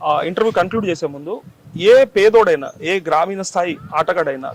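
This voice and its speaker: Rapid high-voiced interviewer. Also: male voice, expressive, slight background noise. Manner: eager, quick back-channel affirmations. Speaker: journalist interviewer. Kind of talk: interview questions.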